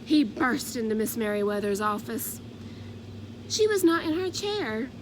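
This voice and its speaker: A woman narrating a children's storybook aloud in an expressive, deliberate way. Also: a little high, background noise.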